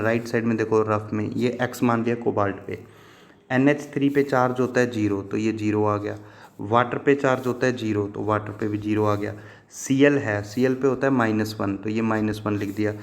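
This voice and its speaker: A man's voice: on the low side, fairly even intonation, normal speed, vocal fry. A man teaching chemistry in a patient, repetitive way, asking questions and answering them himself and addressing his students fondly as children. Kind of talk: classroom lesson explanation.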